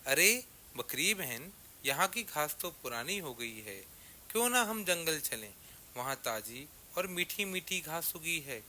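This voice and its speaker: A chatty, cheerful parrot in a children's story chirps in a raised, bright voice, put on by a male narrator. His pitch jumps up and down as he teases his friend. A faint hiss runs under it. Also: unhurried, heavily acted. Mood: excited. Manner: lively and teasing.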